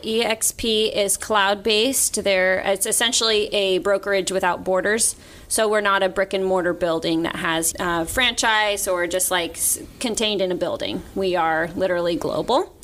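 A woman's voice: medium pitch, steady tone, normal speed, a bit bright. A woman answering questions casually as a podcast guest, recorded in a conference room. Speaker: podcast guest, real estate executive.

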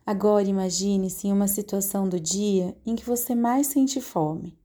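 Woman hypnosis guide, calm and directive, soft mellow voice. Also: medium pitch. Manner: slow, soothing, calmly directive. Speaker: meditation guide.

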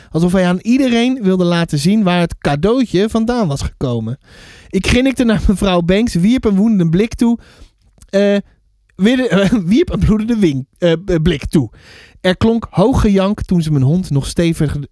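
A man reading a children's book aloud for a podcast, lively and stumbling now and then over words. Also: high voice, dry recording, clean studio sound. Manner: lively, with fillers and self-corrections.

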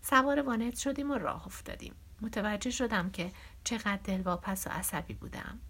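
A woman narrating a novel as an audiobook in a steady, measured reading voice. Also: mid-range voice, breathy edge.

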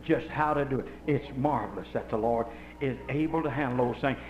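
A man's voice: mid-range voice, a little fast, muffled recording. An older man preaching a Holiness sermon, telling folksy stories with passion. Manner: folksy, impassioned storytelling preaching. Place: church with congregation. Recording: echoey live church recording.

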